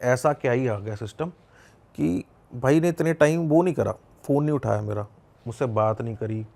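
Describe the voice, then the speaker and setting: A young man with a Punjabi accent tells a personal story as a podcast guest, keeping it conversational. He repeats himself a lot and acts out the dialogue with plenty of quoted lines. His voice is medium-pitched and creaky, with a darkish tone.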